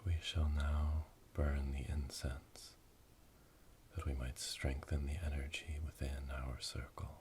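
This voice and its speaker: In an ASMR roleplay, a man with a bass voice plays a solemn witch guiding a dark initiation ritual. He whispers a slow, breathy, monotone incantation in a solemn, hushed mood, captured by binaural microphones close to the ears with clear background noise.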